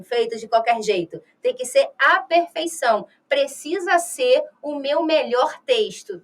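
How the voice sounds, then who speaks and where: Woman, Rio de Janeiro accent, teacher, explanatory, rhetorical questions, high voice, somewhat distant mic. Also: fairly bright tone. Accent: Rio de Janeiro Portuguese. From Brazil. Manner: slow, drawn-out reading of verses. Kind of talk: recorded exam-prep lecture.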